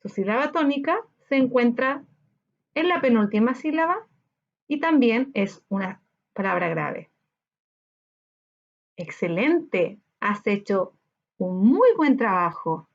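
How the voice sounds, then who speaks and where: A woman teacher with a Chilean Spanish accent, giving a recorded lesson and sounding out syllables slowly. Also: fairly high pitch, very animated, highs cut off. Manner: slow, sounds out syllables in a drawn-out voice.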